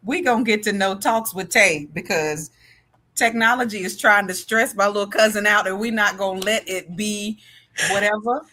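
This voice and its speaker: A woman's voice: medium pitch, normal speed, bright, forceful tone. A woman joining a livestream interview as the guest over a remote call, joking and exclaiming freely.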